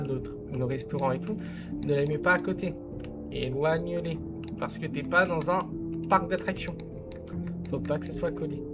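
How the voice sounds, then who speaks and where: A man casually commenting on a zoo-building game, giving direct advice to the viewer and often correcting himself. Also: on the high side. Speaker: game content creator reviewing a viewer's zoo.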